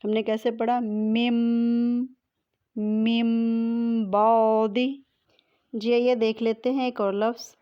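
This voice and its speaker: A woman with a slightly high voice gives a recitation lesson, patient and methodical. She spells out letters one at a time with care. The home voice-over sounds dull and lo-fi. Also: little pitch movement, dry recording. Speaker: Quran recitation teacher. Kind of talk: tajweed lesson.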